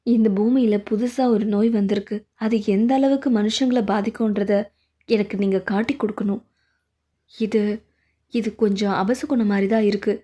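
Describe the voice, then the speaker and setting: A woman voicing a calm, serious young male doctor in a fan dub of a drama, talking low, steady and commanding. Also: moderate pace, lightly acted. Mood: grave.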